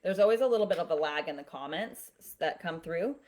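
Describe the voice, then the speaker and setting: A woman's voice: fairly low pitch, animated, fast, darkish tone. A woman teaching on a live stream. She explains step by step, often checks in with "right?" and "okay?", and answers viewer comments in a conversational way. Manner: conversational, with some restarts.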